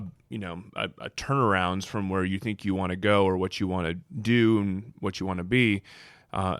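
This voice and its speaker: A man's voice: low voice, a bit bright, no echo, clean studio sound. A man hosting a podcast, asking questions in a friendly way and often affirming the guest. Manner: friendly, many affirming backchannels. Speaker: podcast host. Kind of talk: casual interview chat.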